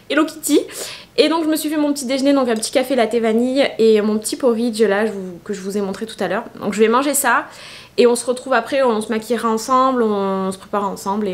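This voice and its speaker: A tired young woman, chatting casually through a get-ready-with-me vlog in her bedroom, rambling with many fillers. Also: a little high. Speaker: beauty vlogger.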